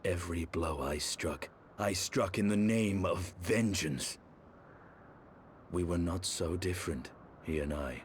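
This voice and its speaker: A deep male voice for a brooding, battle-weary knight in a fantasy game. He speaks gravely and formally, in archaic turns of phrase, with faint noise behind him. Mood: bitter, reflective. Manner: grave, archaic, measured speech. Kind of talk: dramatic video game acting.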